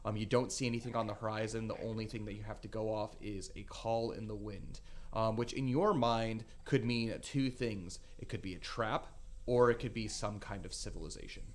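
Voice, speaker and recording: A man narrating as game master of a tabletop game, halting with many fillers. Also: on the low side, fairly even intonation.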